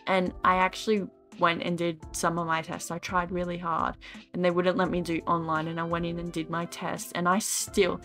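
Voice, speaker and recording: A woman's voice: on the low side, level tone, normal speed, a bit bright. Young woman, gaming voice-over, tired, rambling, self-deprecating, faint background music. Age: young adult. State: tired, yawning. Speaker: Sims gaming YouTuber. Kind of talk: casual ranting voice-over over a speed build.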